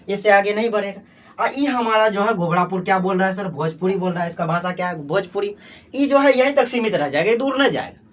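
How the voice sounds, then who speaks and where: Man, Bihari Hindi accent, high-pitched, grammar teacher, self-answering questions, many fillers. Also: fairly bright tone. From Bihar, Mithila region. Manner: asks and answers his own questions, heavy filler "jo hai". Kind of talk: exam-prep grammar class.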